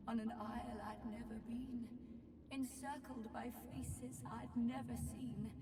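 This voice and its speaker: A woman voicing a suffering undead tree spirit in a video game, with an unearthly, ghostly voice and slow, haunted, solemn delivery. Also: on the high side, noisy background. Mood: haunted, anguished. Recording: cavernous reverb, distant, music behind.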